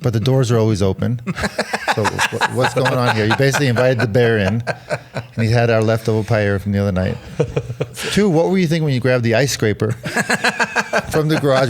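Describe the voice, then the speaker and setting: A man co-hosting a podcast, gently teasing a friend in wry casual chat. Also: mid-range voice, brisk. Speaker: podcast co-host.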